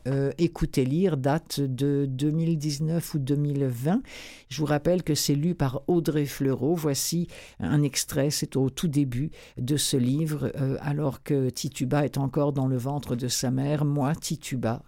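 A man's voice: on the high side, dark tone. A man with a Quebec French accent hosting a book show, talking casually and enthusiastically, with many hesitations. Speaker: radio book-show host. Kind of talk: casual spoken book review.

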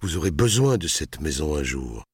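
A man voicing a tense middle-aged master builder who keeps a forced calm. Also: a bass voice, normal speed, slightly rough, dry recording, studio quality, full character voice.

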